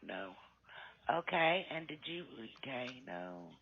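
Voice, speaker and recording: A woman's voice: a bass voice, very animated, slow pace, breathy edge. A woman phone canvasser reading a scripted survey call, with small fillers, heard as a recorded phone call replayed through a laptop speaker. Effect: recorded phone call played through a laptop speaker.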